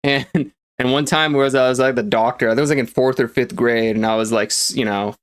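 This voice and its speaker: A man with an average-pitched voice talks as a motivational coach, casual and full of energy. He leans hard on his points, scatters fillers through his speech and swears now and then for punch. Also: fairly quick, smooth. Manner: energetic and emphatic, filler-heavy, swears for emphasis.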